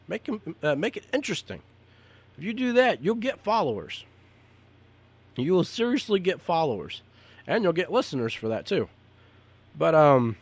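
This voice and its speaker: A man's voice: a little high, no room sound. A man who is a podcaster and DJ, talking unscripted and giving advice to other podcasters in a rambling, repetitive, earnest way. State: hiccups.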